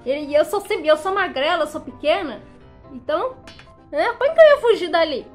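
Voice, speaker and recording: A young woman telling a dramatic personal story in a casual, animated way. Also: very high voice, fairly quick, faint music behind. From Brazil. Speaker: vlogger.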